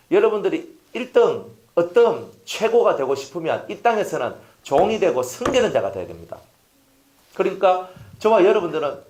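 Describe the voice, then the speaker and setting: A man's voice: high voice, darkish tone. A male pastor preaching a sermon, who asks the congregation questions and acts out little voices of the people in his stories.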